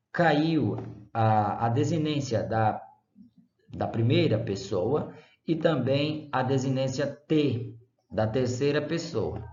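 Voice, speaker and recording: A man's voice: medium pitch, a little mellow. Hesitant Brazilian man teaching a lecture. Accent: Brazilian Portuguese. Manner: hesitant, many filler "é" and "ah"; explanatory, checks understanding with "certo?" and "né?". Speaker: Latin teacher. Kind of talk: recorded online lecture. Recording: roomy, slightly dull lecture recording.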